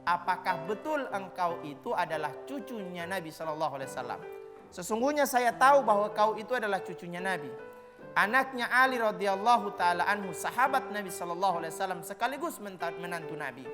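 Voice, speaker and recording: A woman voicing a Bedouin man from a village, quoted in a calm storytelling voice during a children's religious lesson. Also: medium pitch, brisk, pitched below the performer's own voice, close to an everyday voice. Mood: earnest. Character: angry Bedouin man, later humbled. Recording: echoey hall with music behind.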